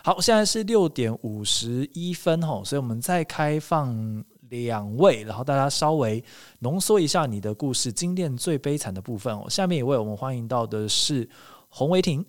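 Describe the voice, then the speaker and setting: Man, talk show host, very lively pitch, chatty, reacts and keeps things moving. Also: normal speed. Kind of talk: hosting a live chat show.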